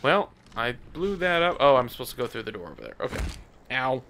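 A man's voice: mid-range voice, sing-song, fast talker, fairly bright tone, a little hiss or hum. A man hosting a casual let's-play, chatty and jokey, yelping at his in-game mishaps. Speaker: gaming channel host.

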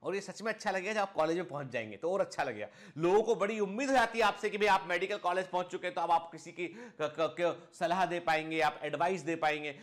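A man's voice: sits high, a bit bright. A man lecturing students as a biology teacher, explaining step by step, repeating key points and often checking they follow. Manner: explanatory, addresses students fondly as children; checks understanding with frequent short tag questions. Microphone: clip-on lapel mic.

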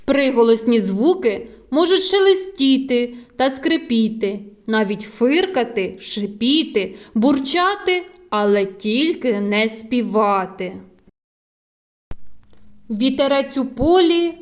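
Woman teacher, fairly high voice, very slow unhurried pace, sing-song, drawn-out sounds, coaxing questions for small children. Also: expressive. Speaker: preschool teacher.

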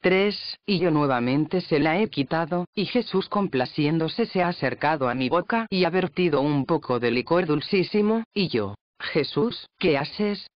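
A man giving a steady, even scripted reading of a mystic's diary, numbering each paragraph aloud. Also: a little high, normal speed, few pauses, no room sound. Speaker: reader. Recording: dry, slightly dull recording.

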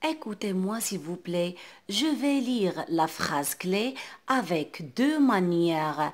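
A woman with a North African French accent, teaching a reading lesson to young children and sounding out words clearly. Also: lowish voice, lively intonation. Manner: slow, carefully enunciated, repeating words for children.

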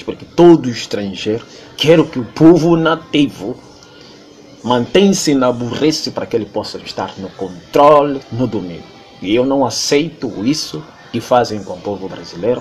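A man's voice: mid-range voice, darkish tone. A man from Angola with an Angolan Portuguese accent, speaking in an emphatic, lecturing monologue with a lot of repetition. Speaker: interviewee. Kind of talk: impassioned monologue.

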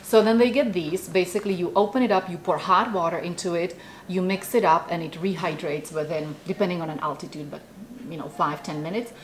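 Speaking briskly in a fairly low voice, a Czech-accented woman in her forties answers interview questions in a small office with bookshelves. As the founder of a food company, she keeps the chat casual and animated, peppered with fillers.

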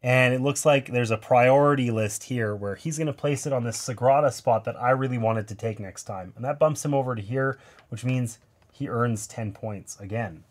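Speaking at normal speed in a mid-range, nasal voice, a man in his thirties casually narrates a board game play-through. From his indoor gaming table, he explains each move and adds wry asides.

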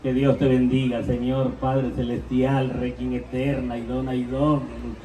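A man from Mexico doing bawdy live stand-up at a party, shouting catchphrases to the crowd. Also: medium pitch, level tone, unhurried, slight background noise. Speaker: stand-up comedian. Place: large event hall, party. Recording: roomy live PA sound from a distance.

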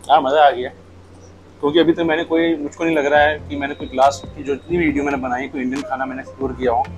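A man's voice: on the high side, fast, soft background music, rough recording. A man in his thirties with a Lucknow accent, chatting casually to the camera as he tastes dishes at a restaurant table, on a lapel mic. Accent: Lucknow Hindustani. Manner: relaxed, chatty, describes each dish while eating. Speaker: food vlogger. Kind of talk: casual food review to camera.

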